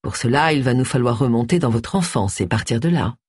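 Husky, blunt woman therapist, calm and cutting, as an audiobook narrator puts her on. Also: medium pitch, brisk, no room sound, studio quality, pitched below the performer's own voice. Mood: cool. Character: cool, blunt female psychotherapist with a husky voice. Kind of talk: audiobook character voice.

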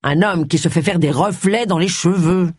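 Livre audio : lecteur donnant voix à un ami moqueur mais bienveillant, son sec et proche. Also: male voice, sits high, moderate pace, breathy edge, no echo. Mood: taquin. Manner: teasing, reassuring. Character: man, an affectionate teasing friend. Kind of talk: audiobook character voice.

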